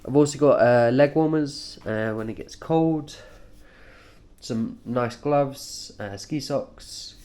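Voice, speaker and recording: A man with a warm, mid-range voice that's nasal from a cold runs through his cycling kit on a vlog. He talks informally and haltingly, tossing out short, offhand phrases.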